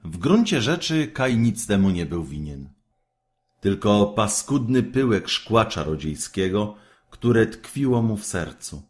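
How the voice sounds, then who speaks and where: A man reading a fairy tale aloud as a storyteller, with expressive, measured delivery. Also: lowish voice.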